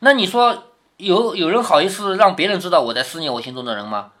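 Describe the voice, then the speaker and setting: A man's voice: high voice, animated, fast talker, a bit bright. A man with a Changzhou accent reading a classic novel aloud to his daughter, stopping to explain passages and asking whether she follows. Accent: Changzhou Wu-accented Mandarin. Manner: explains passages, often adds tag questions to check understanding.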